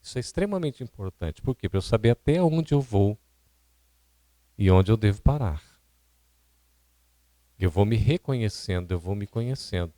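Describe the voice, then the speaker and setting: A man's voice: on the low side, expressive, normal speed, long pauses, warm tone, no room sound. A Brazilian man teaching a seminar on public speaking, explaining points and asking the audience questions. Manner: didactic, asks the audience questions. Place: seminar hall at a spiritist centre.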